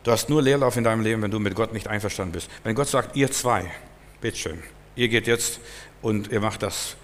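A man's voice: lowish voice, a little fast. A man preaching a sermon emphatically, acting out Bible scenes in different voices. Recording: long hall reverb.

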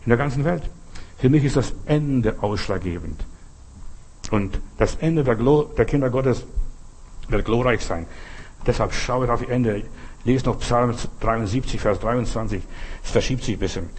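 A man preaching a sermon, speaking emphatically and straight to his listeners, often repeating his key phrases and ending in a quiet prayer. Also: medium pitch, normal speed, long pauses, a little hiss or hum.

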